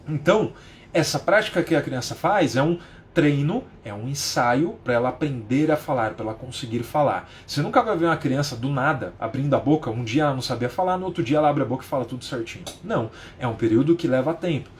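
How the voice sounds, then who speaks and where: A man in his thirties from Brazil teaches a lesson live from home, with a mid-pitched voice. He talks in a chatty way, putting rhetorical questions to his viewers and adding tag questions as he goes. A faint hiss sits under the recording. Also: lively intonation, fast talker. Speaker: English teacher.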